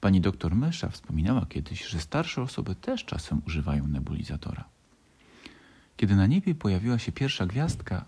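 A man gently narrating a children's storybook. His low voice carries a creaky, husky grain, and his intonation moves in a lively, expressive way.

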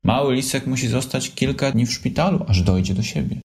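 A man voicing a calm, kind female mouse doctor who reassures a sick child. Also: medium pitch, a little fast, voice pushed up, close to an everyday voice. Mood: reassuring. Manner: steady, reassuring.

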